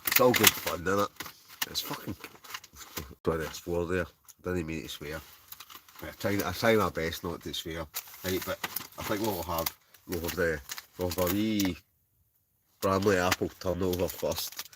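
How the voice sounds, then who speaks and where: A man's voice: low voice, moderate pace, long pauses, background noise. A Scottish man chatting casually to livestream viewers in a rambling, chuckling, easily sidetracked way. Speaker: livestream host. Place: inside a tent.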